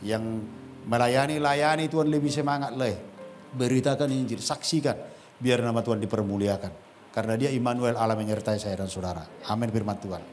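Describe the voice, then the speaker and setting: A man preaching a sermon as pastor, calling out to the congregation and swinging between loud rises and hushed drops. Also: medium pitch, fairly quick, faint music behind.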